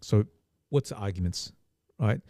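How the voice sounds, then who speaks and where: A man co-hosting a podcast, talking in a rambling casual way with many restarts and quick agreement. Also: fairly low pitch, warm tone, dry recording, studio quality. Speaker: podcast co-host. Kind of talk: casual chat.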